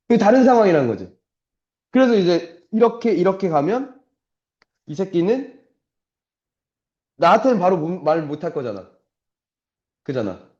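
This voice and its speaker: A man's voice: medium pitch, warm tone. A young male math tutor giving a casual, blunt classroom lecture, swearing freely and constantly asking whether students follow. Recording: roomy, dull lo-fi classroom recording.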